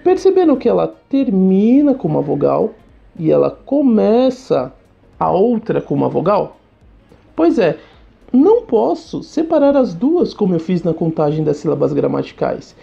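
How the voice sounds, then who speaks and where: A woman teacher with a Brazilian Portuguese accent, giving a recorded lesson that she explains step by step while asking the class quick questions. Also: mid-range voice, sing-song, gravelly. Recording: slightly dull recording with faint music.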